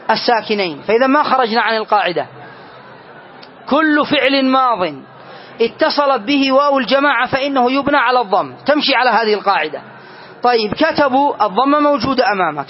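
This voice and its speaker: A man teaching Arabic grammar in a classroom lesson, repeating key phrases and often asking his students if it is clear. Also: very high-pitched. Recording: dull lo-fi lesson recording.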